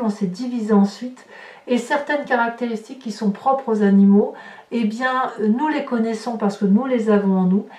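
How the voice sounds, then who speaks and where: She's a tarot reader running her own channel, chatting casually through a reading as she works the cards. Her voice is a little high and somewhat mellow, picked up by a distant mic in a roomy space with light noise.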